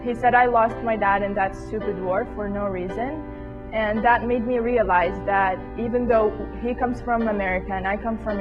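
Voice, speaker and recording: A woman from Iraq telling her own story in earnest, reflective testimony for a news clip. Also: mid-range voice. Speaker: student speaker. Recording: dull video clip with music behind.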